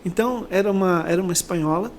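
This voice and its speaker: Speaking quickly in a high-sitting voice, this middle-aged Brazilian sales director is a guest in an interview. He shares personal motivational stories reflectively and conversationally, frequently seeking agreement. There's slight background noise.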